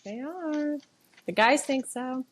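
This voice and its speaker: A woman's voice: high-pitched, takes it slowly, slight background noise. A woman co-hosting a podcast in casual chat, talking in a chatty way with lots of "like". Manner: chatty, leans heavily on "like". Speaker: podcast co-host.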